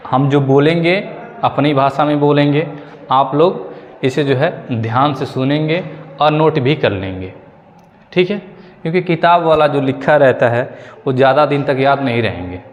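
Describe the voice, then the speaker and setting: A male teacher giving a slow, repetitive grammar lesson for exam prep, checking in with his students often. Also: medium pitch, long reverb tail, slight background noise. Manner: explains slowly, repeats key points and asks "ठीक है".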